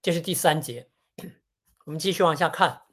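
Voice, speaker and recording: A preacher giving a sermon on a Bible passage in a measured, teaching tone, often posing rhetorical questions. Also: mid-range voice, fairly bright tone.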